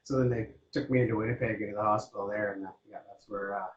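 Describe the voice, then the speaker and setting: A man, a guest in a casual interview, telling his story in a relaxed, rambling way full of fillers. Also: lowish voice, fast talker, muffled recording. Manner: relaxed and rambling, with many fillers like "you know".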